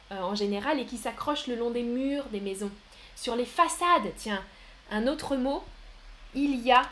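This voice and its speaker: Woman, language teacher in a live class, slow deliberate delivery, slightly high pitch, encouraging, faint background noise. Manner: slow, clear, encouraging, reads chat names aloud. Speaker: French teacher. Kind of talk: live online French lesson.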